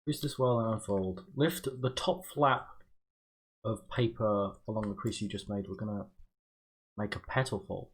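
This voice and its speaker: Hosting a charity livestream, a man chats casually while folding origami, muttering to himself as he reads the craft instructions. His voice sits on the low side, with fairly even intonation and a normal speed. Background noise is clearly audible.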